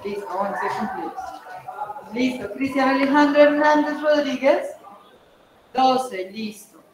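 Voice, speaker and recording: Calling roll over a video call from home, a young Colombian teacher moves briskly, repeating each student's name and age and saying "listo." Her voice sits high, and the laptop mic picks up a slight hiss or hum along with heavy room echo.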